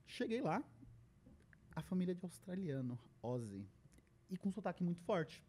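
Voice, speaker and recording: A young adult man with a Brazilian Portuguese accent, a podcast guest, tells stories in casual conversation and animatedly acts out the lines he quotes. His voice is high and slightly rough, at a moderate pace.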